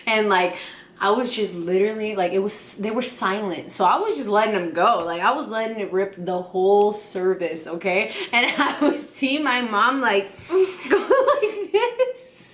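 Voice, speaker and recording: A woman's voice: medium pitch, moderate pace, fairly bright tone. A young woman co-hosting a casual video, telling a funny story and laughing through it. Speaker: co-host, storyteller. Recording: echoey room.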